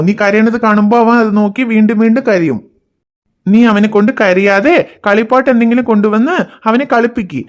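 A performer voicing a quick-talking gentle cartoon dad. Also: medium pitch, muffled recording, natural voice. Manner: calm, reassuring, explains things to his children. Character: patient, gentle cartoon father. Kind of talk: cartoon voice acting.

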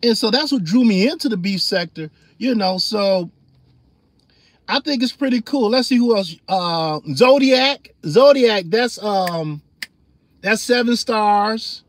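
Loud, animated man chatting on a livestream. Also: high-pitched, a little slow. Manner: loose and animated, laughs often, reads chat aloud, gets loud then calms down. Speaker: livestream host. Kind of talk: casual livestream chat.

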